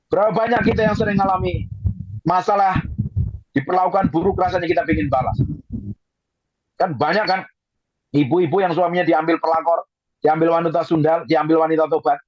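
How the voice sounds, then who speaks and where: A man's voice: on the high side, steady tone, brisk, long pauses, no echo, muffled recording. A man preaching a fervent sermon over a video call, reading scripture and then exhorting his listeners. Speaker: pastor.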